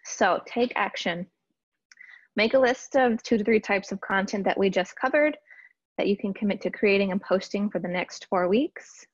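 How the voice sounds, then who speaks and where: A woman marketing strategist presenting a workshop in a casual, chatty way, often pausing with fillers and restarting sentences. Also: mid-range voice, husky, no echo, muffled recording. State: briefly out of breath. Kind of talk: casual slide-based webinar teaching.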